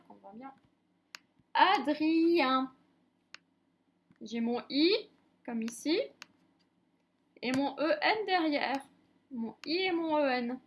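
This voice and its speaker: A woman teaching a reading lesson to young children, speaking slowly and sounding out each syllable with careful articulation. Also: high voice. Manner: slow, clearly articulated, drawing out sounds. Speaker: primary school teacher.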